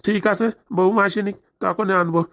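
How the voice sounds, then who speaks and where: A woman's voice: medium pitch, fairly even intonation, moderate pace, lightly acted. A woman voicing a meek, henpecked old village husband in a comic cartoon, placating and backpedaling.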